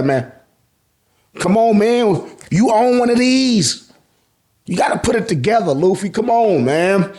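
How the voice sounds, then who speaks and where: Retelling manga for his YouTube audience, the American host keeps it loose and slangy, performing reactions as the story unfolds. His voice sits high but carries a darkish tone.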